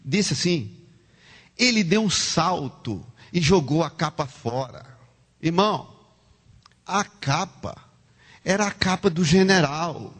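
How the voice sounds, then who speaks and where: A man preaching a sermon, animated, calling the congregation to repeat words after him. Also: a little high, takes it slowly, long pauses, slightly rough. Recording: long hall reverb.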